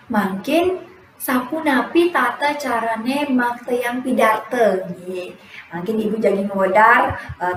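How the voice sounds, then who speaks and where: A young woman teaches a formal lesson, her delivery measured and dotted with filler pauses. She sits back from the microphone, so the room answers her with a noticeable echo. A faint hiss runs underneath. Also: mid-range voice. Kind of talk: teaching a lesson on Balinese speech. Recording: echoey room, voice from some distance, faint noise.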